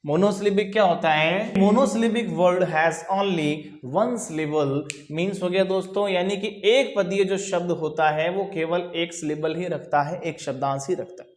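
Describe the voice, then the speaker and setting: A man gives a classroom lecture, repeating each definition slowly and putting questions to the class before answering them himself. He talks at an unhurried pace, and the room around him is roomy and echoey. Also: high voice. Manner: repeats key phrases slowly, asks and answers own questions. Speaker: coaching teacher. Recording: roomy echo.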